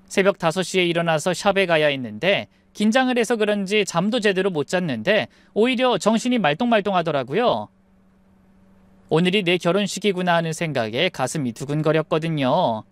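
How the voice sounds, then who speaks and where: A woman's voice: lowish voice, expressive, a little fast, no echo. A young woman telling her own story in the first person, confiding and reflective.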